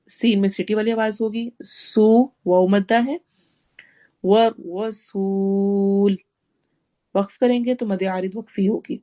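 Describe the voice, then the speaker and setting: A woman teaching Quran recitation, reciting each phrase slowly and then explaining each sound, with English words mixed into her teaching. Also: mid-range voice, warm tone. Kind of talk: tafsir and tajweed lesson.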